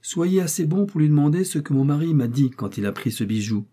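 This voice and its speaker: A man's voice: fairly high pitch, expressive, a little fast, warm tone, husky, voice pushed up. A man voicing a determined young wife who defies a courtroom, firm and insistent. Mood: accusing. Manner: firm, insistent, rising to outbursts.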